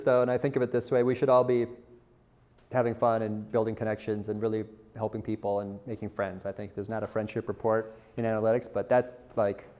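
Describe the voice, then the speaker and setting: This conference speaker, a content marketer, has a mellow voice at medium pitch. He's informal, candid and self-deprecating, and he asks his audience questions.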